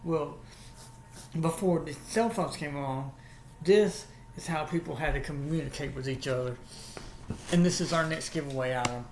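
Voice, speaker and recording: A man from Alabama with a Southern US accent hosts a casual vlog, showing and explaining an item in a folksy, repetitive manner. His voice is fairly high and a little mellow, at normal speed. The room echoes and there is faint background noise.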